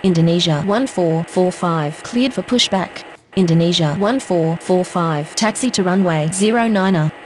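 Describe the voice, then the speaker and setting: A woman's voice: on the low side, moderate pace, darkish tone, close to an everyday voice. A woman giving clipped, formal pilot radio calls in air traffic phraseology. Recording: faintly noisy, vehicle-like background.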